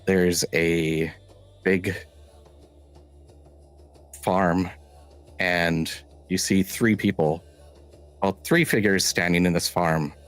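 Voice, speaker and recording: A man narrating a tabletop game as game master, halting and restarting as he describes scenes. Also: sits low, steady tone, soft background music.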